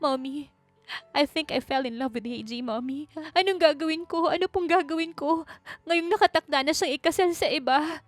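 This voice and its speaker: Picture an audiobook scene with a shy young heiress, voiced by a woman narrator, her tone soft and pleading. The voice sits a little higher than the narration and sounds dry and close. Faint music plays underneath. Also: normal speed, dry recording, close to an everyday voice. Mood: tearful.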